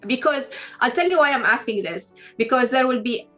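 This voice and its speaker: Interview host, woman; probing and upbeat; higher-pitched; faint background music. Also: expressive, moderate pace, a bit bright. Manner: encouraging, probing questions. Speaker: host, founder of the travel company. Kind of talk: interview hosting.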